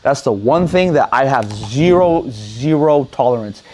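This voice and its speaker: A man's voice: mid-range voice, unhurried, background noise. A man co-hosting a casual chat, telling stories bluntly and with plenty of swearing. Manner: blunt, profane, animated storyteller. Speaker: podcast co-host.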